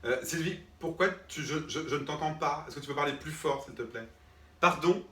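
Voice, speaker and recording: A man's voice: on the high side, moderate pace, sharp tone. A man playing an irritated drama teacher who talks to unseen students, patient at first and then fed up, always asking if they agree. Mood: exasperated. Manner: patient then irritated, keeps checking with "d'accord?". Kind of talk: comic one-man sketch. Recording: roomy sound, mic far off.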